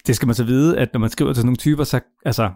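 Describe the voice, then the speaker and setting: A middle-aged man spinning a long, loose anecdote in a relaxed chat, voice in an ordinary middle register. He talks freely, with casual swearing, and slips into acting out what others said. The sound is close and dry, with no room in it. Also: medium pitch, no room sound. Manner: chatty, swears casually, acts out quoted dialogue. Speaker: podcast guest telling his founder story.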